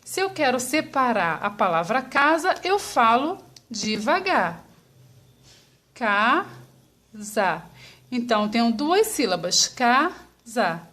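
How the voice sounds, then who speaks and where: A woman teacher with a Brazilian Portuguese accent gives a slow lesson to young children, patiently sounding out every syllable. Her voice is high-pitched, very animated and a bit bright.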